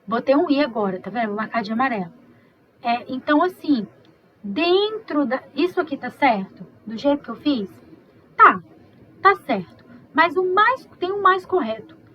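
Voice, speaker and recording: A woman teaching an online review lesson, explaining step by step, slowly repeating sounds and checking in with her students. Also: high-pitched, lively intonation, lo-fi sound.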